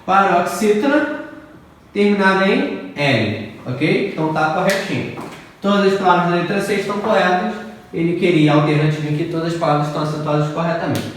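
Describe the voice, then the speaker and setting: Heard from far off in an echoey room with faint noise, a male Portuguese teacher gives a grammar lesson. His voice is high-pitched and fairly quick as he patiently goes through exercises, repeats the rules and checks in with students often.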